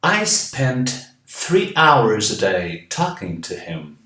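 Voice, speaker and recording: A male English teacher with a Brazilian Portuguese accent talks through a pronunciation lesson in a low, unhurried voice. He breaks each word into sounds, spells it out and repeats it again and again. The recording has a noticeable room echo. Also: huge pitch swings, sharp tone, a little hiss or hum. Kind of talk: pronunciation lesson, modelling words slowly. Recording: echoey room.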